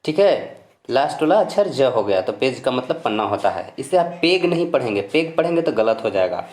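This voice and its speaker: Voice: mid-range voice, sing-song, fairly quick, darkish tone. A teacher from India giving a patient, step-by-step pronunciation lesson. The teacher spells words letter by letter, repeats each rule and keeps reassuring the learners. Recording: roomy echo.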